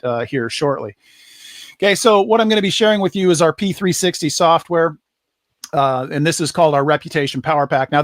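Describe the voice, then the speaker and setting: A man with a slightly raised pitch explains a business software service in an easygoing, unscripted way, stumbling through restarts and fillers as he goes. The sound is dry and close, with no room around it. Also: dry recording. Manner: conversational, many fillers and restarts. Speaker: marketing presenter. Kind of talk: casual sales explainer.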